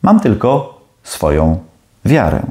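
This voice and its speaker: A man playing a calm, firm young male student who answers politely and steadily. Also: medium pitch, slow pace, reverberant.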